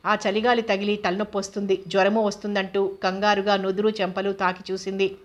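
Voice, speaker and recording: A woman's voice: mid-range voice, flat delivery, fairly quick, dull audio. A woman reading a novel aloud as a narrator, voicing every character in her own voice. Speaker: audiobook narrator.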